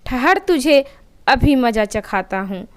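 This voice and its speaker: A woman's voice: fairly high pitch, expressive, slow, clear, resonant tone. A woman voicing a threatening male dog in a children's cartoon story. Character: bullying growling male dog.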